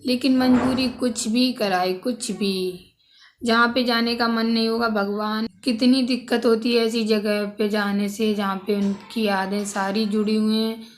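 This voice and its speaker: Young female vlogger, slightly high pitch, heartfelt and tearful storytelling. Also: fairly even intonation, a little slow, slight background noise. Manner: tearful, earnest recounting. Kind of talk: emotional personal storytelling.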